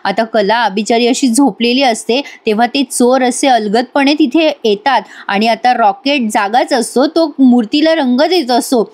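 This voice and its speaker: Young woman doing a chatty episode recap voice-over, high voice, talks right to viewers. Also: unhurried, few pauses, a little mellow. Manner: chatty, addresses viewers directly. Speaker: TV serial reviewer.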